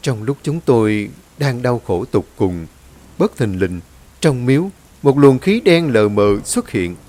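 A man's voice: mid-range voice, a little slow. Man narrating a ghost story expressively. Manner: dramatic, expressive reading. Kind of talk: scripted horror story narration.

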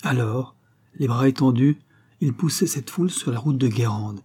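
Male narrator, audiobook, measured expressive reading, mellow, husky. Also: mid-range voice. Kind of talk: scripted narration.

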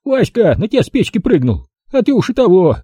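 A man voicing a feisty, sharp-tongued old village woman in an audiobook, scolding in a brusque rustic way. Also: sits high, sing-song, brisk, slightly rough, no echo, voice pushed up, heavily acted. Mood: chiding. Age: older.

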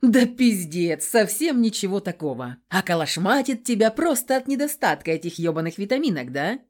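A woman's voice: sits low, lively intonation, moderate pace, darkish tone. Woman putting on a crude, domineering man. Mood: contemptuous. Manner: coarse, swearing, contemptuous. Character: rough, crude, domineering man in his thirties.

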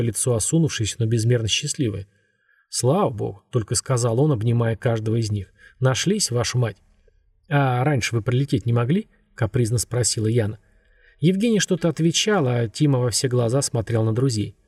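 A man with a husky voice narrating a story in a steady, measured way. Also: mid-range voice, no room sound, clean studio sound. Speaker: audiobook narrator. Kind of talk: scripted narration.

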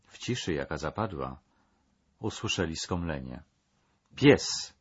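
A man narrating a scripted documentary in a measured, dramatic storytelling manner. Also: deep voice, expressive, breathy edge, highs cut off.

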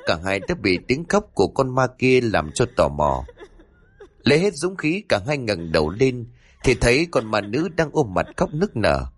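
Man telling a lively horror story. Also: mid-range voice. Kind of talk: scripted horror narration.

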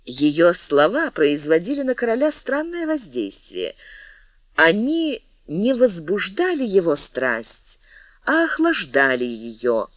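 A reader narrating a historical novel in a measured, literary way. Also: medium pitch, huge pitch swings, no room sound, dull audio. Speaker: audiobook reader.

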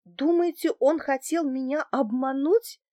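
Nervous, naive young woman in a timid put-on, voiced by a woman reader, halting and overeager. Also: fairly high pitch, a little mellow, no echo, studio quality. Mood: anxious.

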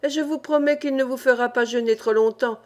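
A woman voicing a vigorous, cheerful old male sailor in his sixties, talking in loud, excited exclamations. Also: sits high, brisk, lightly acted. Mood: jubilant.

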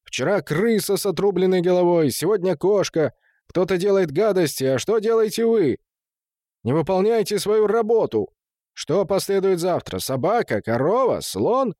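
A man's voice: fairly high pitch, lively intonation, moderate pace, darkish tone, no room sound, studio quality, natural voice. A man reading an audiobook, voicing an irate middle-aged husband who scolds and blusters. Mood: angry scolding. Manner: scolding, indignant. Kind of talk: audiobook character voice.

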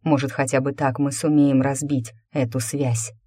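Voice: medium pitch, steady tone, moderate pace, mellow, breathy edge, dry recording, studio quality, lightly acted. A reader voicing a grim male werewolf warrior who speaks gloomily and bluntly.

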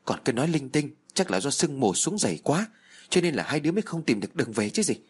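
A man voicing a worried, sharp-tongued middle-aged mother in a spooken horror story. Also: medium pitch, sing-song, quick pace, slightly rough. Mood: dismissive. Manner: sharp, scolding, then secretive. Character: anxious scolding middle-aged village mother.

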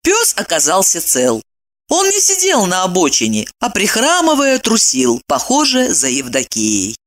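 A woman narrating a story aloud, reading in an expressive, dramatic way. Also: mid-range voice, measured pace.

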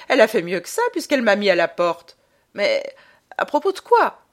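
A woman's voice: mid-range voice, sing-song, measured pace, fairly bright tone, slightly rough, exaggerated voice. A woman voicing a cautious, jovial man who exclaims and hesitates, in a storybook reading. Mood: delighted.

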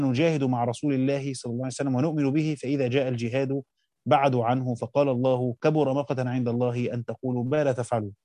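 An Egyptian man gives a quick-paced lesson, reading passages aloud and then explaining them in everyday speech. His voice is mellow and dark, recorded close and dry with no room sound. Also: mid-range voice, no echo. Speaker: teacher. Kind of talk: reading and explaining a classical text.

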